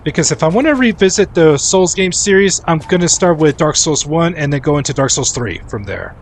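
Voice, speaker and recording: A man's voice: fairly high pitch, fairly quick, a little hiss or hum. A man in his forties chatting casually and rambling, restarting sentences while he live-streams a game. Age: 40s. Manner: rambling, animated, restarts often.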